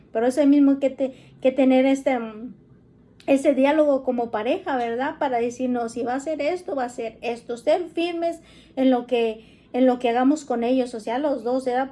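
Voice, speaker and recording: A woman's voice: high voice, dark tone. A woman giving a casual religious talk on parenting, often adding a questioning tag to her points. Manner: chatty, often adds "¿verdad?".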